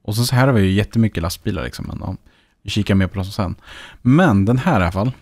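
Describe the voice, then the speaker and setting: Swedish gamer dude thinking out loud while he plays, kinda low voice, dry sound. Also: dry recording. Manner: chatty, thinks aloud, mutters to himself. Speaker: gaming YouTuber. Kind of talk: casual let's-play commentary.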